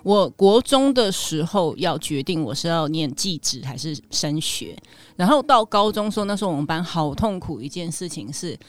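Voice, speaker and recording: Animated woman teacher telling stories. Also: on the low side, moderate pace. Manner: animated storytelling, laughs at own jokes. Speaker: guest, high school teacher. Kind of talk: casual podcast chat.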